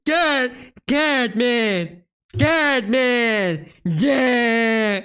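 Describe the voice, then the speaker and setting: A man's voice: expressive, drawn-out words, clean tone, full character voice. A streamer imitating a bratty cartoon boy through a voice changer that morphs his voice. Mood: calling. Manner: mimicking a cartoon clip in repeated takes. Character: bratty young cartoon boy, loud and whiny. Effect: voice changer morphing his voice higher and brighter.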